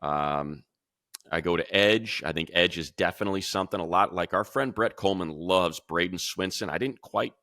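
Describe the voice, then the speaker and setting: A man with a deep voice talks at a moderate pace, his tone pushed and bright, recorded cleanly in a studio with no room sound. Working as a sports radio announcer and analyst, he offers casual, opinionated football draft commentary, thinking aloud in a conversational way.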